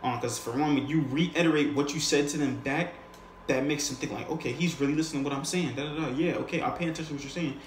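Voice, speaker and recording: A man coaches on sales quickly, his fairly high voice holding a steady tone. The instructional talk is casual and unscripted, full of slang and frequent check-ins with the listener, captured in an echoey room with faint noise.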